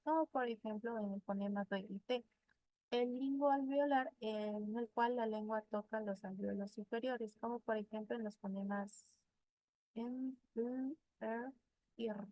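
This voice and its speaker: A woman's voice: fairly high pitch, no echo, lo-fi sound. A woman student giving a class presentation, methodically going through examples one by one.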